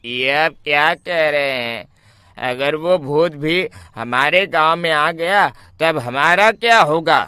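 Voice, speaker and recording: A man's voice: on the high side, slow pace, pushed and bright, clean tone, no echo. A man voicing an anxious, protesting young village bridegroom in a cartoon story. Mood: dismayed. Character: nervous young village bridegroom, fearful but pleading.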